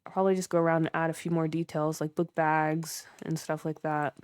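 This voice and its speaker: Smooth-voiced chatty woman streamer. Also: deep voice, level tone, fairly quick, darkish tone, no echo. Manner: chatty, filler-heavy, chats with viewers. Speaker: livestreamer. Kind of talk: casual livestream commentary while building in a game.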